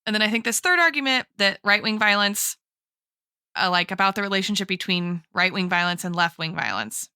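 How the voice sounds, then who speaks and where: A woman co-hosts a podcast, working through arguments academically and peppering her speech with "like" and "right." Her mid-range voice is expressive, a little fast, sharp and smooth. The analytical discussion is recorded with studio quality and no echo.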